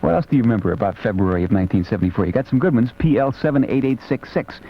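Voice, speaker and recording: An American man with a medium-pitched voice hosts a late-night 1970s music radio show from a studio, talking very fast and animatedly in a casual, playful, rambling way. The audio is a dull, noisy AM radio aircheck from the 1970s.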